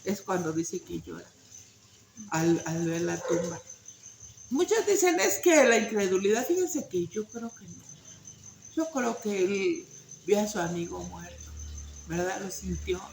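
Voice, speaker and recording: A woman's voice: medium pitch, animated, a little slow, creaky, long pauses, darkish tone, reverberant, slight background noise, poor audio. A woman teaching an informal Bible study, talking conversationally with many fillers and tag questions.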